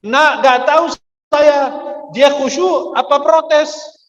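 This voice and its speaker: High-voiced preacher, slow and lively. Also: male voice, echoey room. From Egypt. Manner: lively storyteller who acts out the people in his stories. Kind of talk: humorous Ramadan sermon with anecdotes. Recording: dull lo-fi recording.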